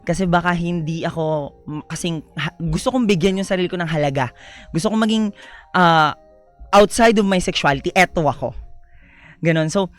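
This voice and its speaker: A young man speaking as a radio guest, his voice sitting a little higher than most men's. He talks softly and politely, mixing English phrases into his story. Faint music runs underneath. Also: moderate pace, pauses often. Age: young adult. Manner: soft-spoken, polite, mixes English into his speech. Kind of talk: personal storytelling interview.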